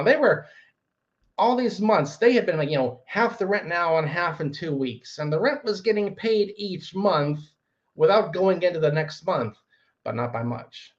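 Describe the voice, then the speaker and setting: Rambling storytelling man, slightly high voice. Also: lo-fi sound. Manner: rambling, acts out quotes in shouted voices. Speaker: landlord telling a story. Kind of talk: casual storytelling vlog.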